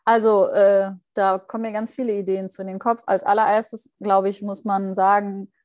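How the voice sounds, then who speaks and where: A woman's voice: mid-range voice, flat delivery, normal speed, darkish tone, dry recording. Dry-voiced young woman thinking aloud. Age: young adult. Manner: thoughtful, hesitant, many fillers and restarts. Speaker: guest, junior anesthesia doctor. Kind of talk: reflective interview answers.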